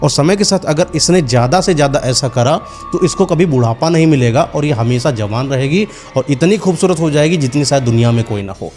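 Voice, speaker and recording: A man's voice: a little high, lively intonation, brisk, hardly any pauses, a little mellow, faint music behind. A man narrating a horror story in a loose, conversational way, with fillers and repeated phrases.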